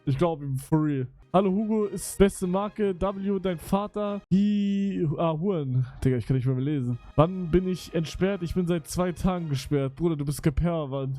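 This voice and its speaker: A young livestreamer whose voice sits high mocks the chat messages he reads out, talking at normal speed with few pauses. Swearing is frequent, he jumps between mumbles and shouts, and music plays faintly in the background.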